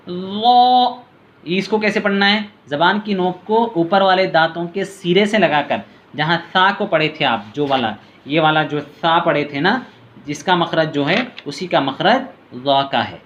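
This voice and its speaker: A man teaching letter reading step by step. He calls out each letter name in a long, drawn-out tone, then explains quietly in a lower voice. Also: lo-fi sound. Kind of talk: patient step-by-step reading lesson.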